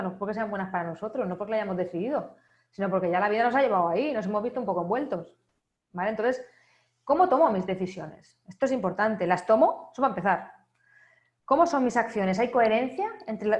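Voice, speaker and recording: A woman giving a motivational talk at a wellness congress, leading listeners through a string of rhetorical questions and often checking in with a quick "right?". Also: mid-range voice. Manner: asks many rhetorical questions, often ends with a checking "¿vale?". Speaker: speaker at an online wellness congress. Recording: echoey room.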